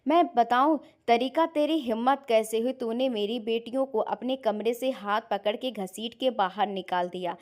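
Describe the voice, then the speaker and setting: A woman doing an angry middle-aged mother, shouting and scolding, fairly high voice, storybook telling. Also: moderate pace, hardly any pauses, close to an everyday voice.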